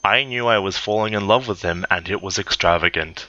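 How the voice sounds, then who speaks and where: Deadpan man reading aloud, bright and dull. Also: lowish voice, fairly quick, dry recording. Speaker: reader. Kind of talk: comedic dramatic reading.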